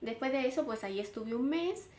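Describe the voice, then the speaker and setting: A woman's voice: high-pitched, animated, fairly quick, a little mellow. Woman, young, casual vlogger, filler-heavy, echoey room. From Honduras. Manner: chatty, with many fillers and restarts. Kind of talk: casual vlog talk to camera. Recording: roomy echo, faint background hum.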